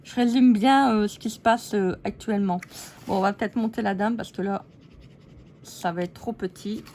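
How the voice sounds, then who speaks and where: A woman's voice: mid-range voice, steady tone, moderate pace, darkish tone. A woman hosting a casual scrapbooking tutorial, chatty and giggly, poking fun at herself as she works. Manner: chatty, giggly, self-mocking.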